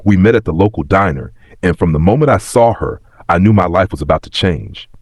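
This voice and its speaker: A man voicing a wistful, regretful very old man of ninety who tells of his past in a reflective, plain-spoken, husky voice in a story. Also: deep voice, animated, fairly quick, no room sound, clean studio sound. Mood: nostalgic. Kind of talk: scripted story reading.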